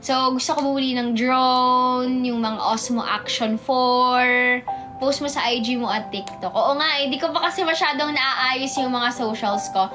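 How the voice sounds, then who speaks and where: High-voiced bubbly Filipino woman livestreaming. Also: unhurried. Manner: bubbly, greets viewers by name with excited squeals. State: sore mouth from a canker sore, stumbling over words. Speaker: idol livestreaming to fans. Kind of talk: casual livestream chat, reading comments. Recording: music playing in the background.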